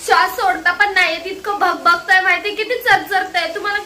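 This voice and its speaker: A woman's voice: very high voice, fairly even intonation, brisk, pushed and bright, slight background noise. A woman with a stuffy nose from a cold, scolding her husband in an irritated, complaining way during a casual couple vlog. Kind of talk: casual argument on camera. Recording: echoey room, away from the mic.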